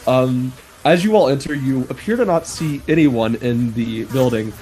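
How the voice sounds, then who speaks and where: A man improvising tabletop game narration as game master, stammering and halting as he goes. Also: medium pitch, dark tone, poor audio. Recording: clear background room noise.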